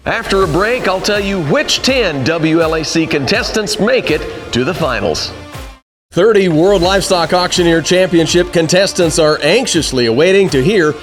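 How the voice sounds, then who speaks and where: A man's voice: high voice, animated, normal speed, fairly bright tone, soft background music. An American man hosting a broadcast with scripted narration. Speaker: host.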